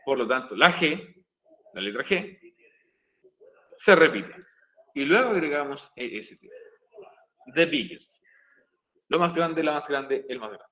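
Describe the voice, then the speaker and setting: Guy teaching english online, slightly high voice, goes over every step slowly and repeats stuff. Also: animated, lo-fi sound. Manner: patient, repeats and spells out each step. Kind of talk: recorded online class explanation.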